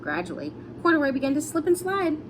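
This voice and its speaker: Lady reading a kids book out loud, high voice, super animated, noisy background. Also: fast. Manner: explains words simply as she reads. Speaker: storybook reader. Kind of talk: expressive read-aloud for young children.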